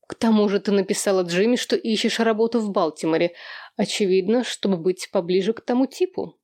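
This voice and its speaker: A woman's voice: mid-range voice, fairly quick, darkish tone, dry recording, clean studio sound, lightly acted. A woman reading aloud and voicing an indignant, self-righteous adult sister who lectures in a raised voice.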